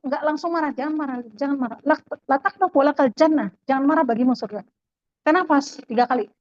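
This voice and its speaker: High-voiced woman giving a lively religious talk. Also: no room sound, highs cut off. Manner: lively, anecdotal, quoting Arabic phrases. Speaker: speaker answering audience questions. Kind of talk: religious self-help talk with Q&A.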